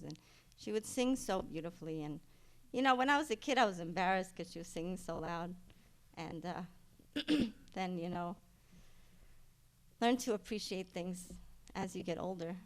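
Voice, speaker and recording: A middle-aged woman speaks at a funeral, telling stories about her mother. Her delivery rambles, with fillers and false starts, and she grows loud and lively when a story lands. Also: on the high side. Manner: grows loud and animated at the punchlines. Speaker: daughter giving a eulogy. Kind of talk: funeral eulogy, personal anecdotes. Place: funeral service.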